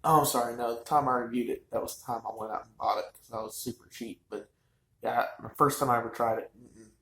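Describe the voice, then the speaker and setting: Man, casual wine vlogger, rambling and chatty, mid pitch, roomy echo. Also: steady tone, quick pace, vocal fry, pushed and bright. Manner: rambling, chatty, frequent fillers. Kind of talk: casual chat.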